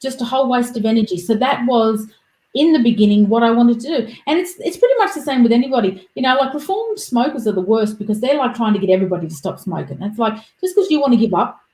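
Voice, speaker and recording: A woman's voice: a little high, fast talker. Chatty woman in an echoey room. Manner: chatty, animated, acts out quoted voices. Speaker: podcast guest. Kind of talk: casual podcast chat.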